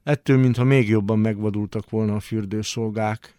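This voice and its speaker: A man reading a literary story aloud for radio in a radio studio, with dramatic, expressive delivery. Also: fairly low pitch, smooth, dry recording. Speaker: narrator.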